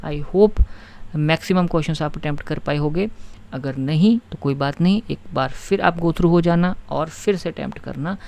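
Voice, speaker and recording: A man teaching English grammar in an online lesson, explaining step by step and reading example sentences out slowly. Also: on the high side, gravelly.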